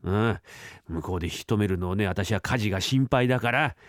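A man doing a stingy old shop master, grumbling low. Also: fairly quick, no echo, clean studio sound, natural voice. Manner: grumbling, scolding, muttering to himself. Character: stingy old male miso-shop master, fussy and scolding. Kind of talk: rakugo storytelling.

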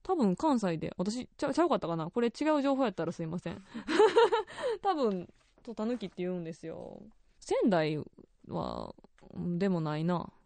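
A woman's voice: medium pitch, very animated, moderate pace, vocal fry, warm tone, dry recording. A young woman with a Kansai accent hosting a radio show, chatty and laughing often. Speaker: radio host.

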